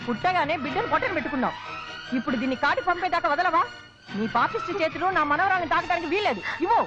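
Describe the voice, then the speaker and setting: An actress playing a scheming, sharp-tongued middle-aged mother who curses and scolds. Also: very high voice, lively intonation, rapid-fire. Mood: bitter scolding. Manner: scolding, cursing, melodramatic. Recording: dull film audio with music.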